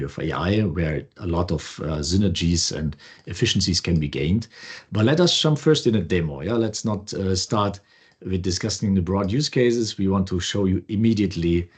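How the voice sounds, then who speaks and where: Deep guy, kinda husky, chatting thru a demo, lots of restarts. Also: moderate pace. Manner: relaxed, loose, restarts often. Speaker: co-host. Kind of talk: casual demo walkthrough.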